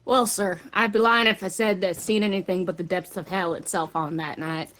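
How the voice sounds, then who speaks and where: Navy soldier played by a woman, low-pitched, folksy and earnest, testifying gravely on a 1940s wartime radio broadcast. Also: fairly even intonation, fairly quick, a bit bright, natural voice. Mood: grave, resolute. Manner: folksy, earnest, polite military address. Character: grave, devout, patriotic World War Two navy soldier.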